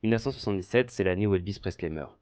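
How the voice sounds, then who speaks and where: A man's voice: low-pitched, rapid-fire, a little mellow. A man narrating a video essay from a script in a chatty, slangy way, speaking straight to the viewer. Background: faint background music.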